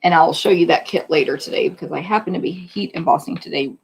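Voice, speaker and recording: A woman with a hoarse voice, chatting casually as she demonstrates a card-making project step by step. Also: lowish voice, fast talker, a little mellow. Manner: chatty, hands-on explaining while working. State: losing her voice. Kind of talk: live craft demonstration.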